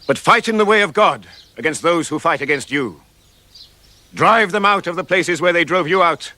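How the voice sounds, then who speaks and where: A solemn proclaimer of revelation. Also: male voice, sits high, bright, forceful tone, exaggerated voice. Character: solemn grown man reciting revelation. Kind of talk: film drama.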